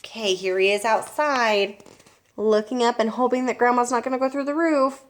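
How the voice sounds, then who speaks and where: A woman's voice: a little high, steady tone, moderate pace. A woman teacher reading a children's book aloud to her class and pointing out the pictures.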